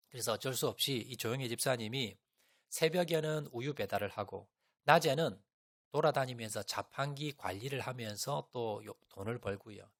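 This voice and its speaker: A man pastor preaching a Sunday sermon in a church, telling a story in an animated way and acting out the prayers of the people in it. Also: mid-range voice. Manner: animated storytelling, acts out prayers with rising emotion. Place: church sanctuary.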